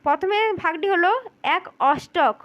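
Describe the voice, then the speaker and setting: Woman, very high voice, spoken lesson, methodical, repeats key points, addresses listener. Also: normal speed, muffled recording. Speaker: teacher for exam interview prep. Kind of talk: spoken lesson explaining exam answers.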